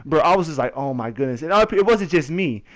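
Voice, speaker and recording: Fast-talking with lively intonation and a voice on the high side, this young American man tells a casual story during gameplay. He chats straight to his listeners in slangy, conversational fashion.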